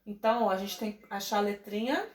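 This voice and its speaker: A woman teacher with a Brazilian Portuguese accent, giving a recorded class to young children and drawing out words slowly to sound out their syllables. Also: medium pitch. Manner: drawn-out, stretching words to sound them out for children. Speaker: primary school teacher.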